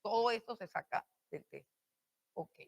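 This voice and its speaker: A woman's voice: fairly high pitch, lively intonation, normal speed, vocal fry, muffled recording. A woman teaching a Bible school class on preaching, repeating her points and questioning her students.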